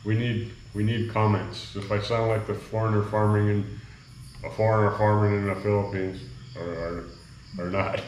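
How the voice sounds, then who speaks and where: Making coffee in a small cement-walled kitchen, a middle-aged man chats with viewers in a rambling, easygoing cooking vlog. His fairly low, darkish voice stays level at a moderate pace. Crickets sound outside at night, and the echoey room carries faint background noise.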